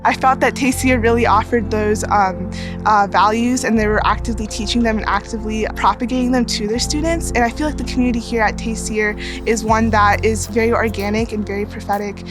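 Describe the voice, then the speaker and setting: Woman, 19, seminary student, fairly high voice, earnest, articulate, backing music. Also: steady tone, fairly quick. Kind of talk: personal testimonial. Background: background music.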